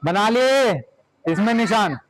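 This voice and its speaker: A man's voice: high-pitched, expressive, slow, crowd noise, poor audio. A man teaching a class of children, giving directions and repeating short commands.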